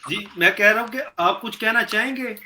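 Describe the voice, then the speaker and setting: A man's voice: high voice, a little fast, bright, forceful tone, a little hiss or hum. A man moderating an online panel, his voice reaching the call choppy and cutting out, asking politely whether he can be heard. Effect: choppy, cutting-out video call audio. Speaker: discussion moderator. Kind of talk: casual online panel discussion. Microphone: video call. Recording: distant choppy video call line.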